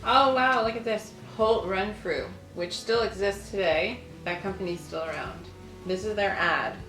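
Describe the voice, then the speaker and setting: A woman with a mid-range voice, speaking a little slowly, hosts a casual lifestyle video where she chats and reads from an old newspaper, all with a roomy echo and faint music in the background.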